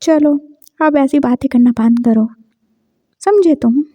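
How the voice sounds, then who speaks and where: A woman's voice: sits high, takes it slowly, dry recording. A woman voicing a teasing, protective young man who comforts his fiancé. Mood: playful. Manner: teasing, then gently soothing.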